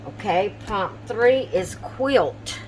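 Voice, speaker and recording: A drowsy woman talks in a slow, unhurried way as she shows her coloring pages to camera at home. She is chatty and apologetic, and she often breaks off mid-sentence. Her pitch sits in a middle range, with a faint hiss of noise behind her. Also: expressive, darkish tone, poor audio. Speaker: vlogger showing coloring pages. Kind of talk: casual chat to camera.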